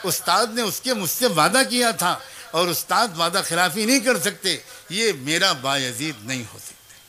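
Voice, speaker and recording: A man's voice: very high-pitched, very animated, bright, forceful tone, slight background noise, voice pushed up, exaggerated voice. A man in a sermon voicing a stern, devoted mother who firmly turns her young son away.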